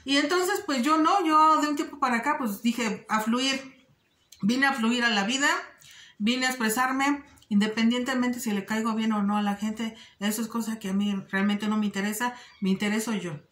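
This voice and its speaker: A woman with a slightly high voice speaks earnestly to her viewers in a casual vlog. She talks directly to the audience and often stops on little fillers as she thinks. The room is noticeably roomy and echoey around her. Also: steady tone, normal speed, a bit bright. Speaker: vlogger giving advice. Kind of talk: casual direct-to-camera talk.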